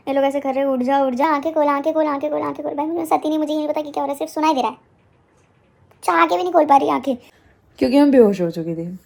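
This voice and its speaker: A young woman vlogger telling a personal story to the camera in a casual, animated way, acting out what others said. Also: high voice, vocal fry.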